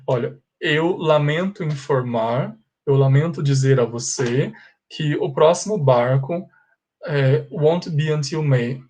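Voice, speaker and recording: A Brazilian man, a native Portuguese speaker, teaching an online English grammar lesson, explaining in Portuguese and reading the English examples slowly. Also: fairly high pitch, darkish tone.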